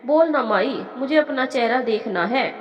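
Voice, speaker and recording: A woman's voice: high voice, lively intonation, a little slow, lo-fi sound. A woman voicing a hurt young village girl in a storybook tale, asking insistent, pleading questions, in an echoey room. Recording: echoey room with long reverb.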